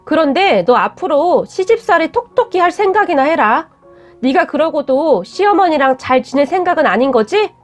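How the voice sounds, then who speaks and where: A woman's voice: sits high, very animated, moderate pace, soft background music. A woman voicing a curt, defensive young man who talks bluntly and scolds. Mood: blunt, angry.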